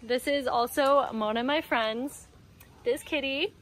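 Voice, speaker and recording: A woman's voice: high voice, takes it slowly, fairly bright tone. A young woman in her twenties cheerfully narrating a travel vlog, talking straight to a phone held at arm's length as she tours a tropical lodge. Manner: bubbly and enthusiastic, talking to camera. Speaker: travel vlogger. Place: outdoors in a tropical resort and inside a wooden hut.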